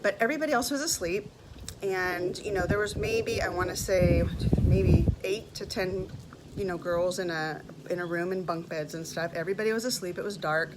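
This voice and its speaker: A woman in her fifties tells a personal story in a testimony vlog, her voice lowish and her pace moderate. She is animated and emotional, repeating words as she goes, and there is noise in the background.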